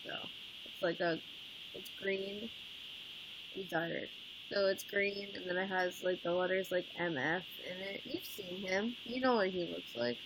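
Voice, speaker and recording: A woman's voice: on the low side, measured pace, background noise. A woman in her twenties hosting a casual livestream chat, blunt and swearing freely, squealing when grossed out. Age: 20s. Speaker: livestream host.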